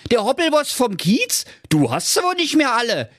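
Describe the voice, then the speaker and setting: A man voicing a cocky, boastful male hare in a comic radio fairy tale, with a Berlin accent and a high, brash voice. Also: huge pitch swings, normal speed, no room sound, studio quality, full character voice.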